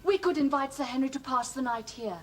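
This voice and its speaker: A woman's voice: sits high, a little fast, fairly bright tone, breathy edge. A woman playing a frightened young wife who pleads and protests anxiously in an old film drama.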